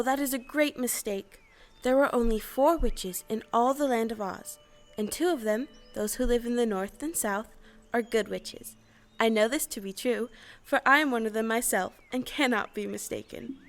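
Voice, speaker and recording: A woman's voice: on the high side, normal speed, lightly acted. A woman playing a small, kindly old good witch in an audio play, explaining things in an assured, matter-of-fact way. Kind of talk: stage-style audio play acting.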